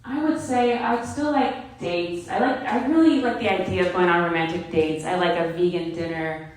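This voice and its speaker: A woman's voice: fairly low pitch, moderate pace. A young woman doing a stand-up set, rambling and self-deprecating, often laughing at her own jokes. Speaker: stand-up comedian. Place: comedy club stage. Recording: very echoey room.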